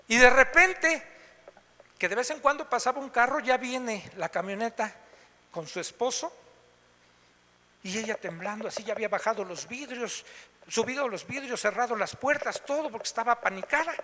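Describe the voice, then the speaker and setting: A man preaches, telling stories and tossing rhetorical questions to the congregation. His voice sits very high and sharply bright. A long hall reverb trails behind him. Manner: animated storytelling, frequent rhetorical questions. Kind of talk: sermon with storytelling. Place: church meeting room.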